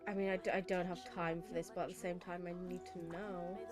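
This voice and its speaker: Speaking quickly in a lowish, level voice over music, a British woman plays a video game and reacts. It's casual let's-play chat, sweary and exasperated.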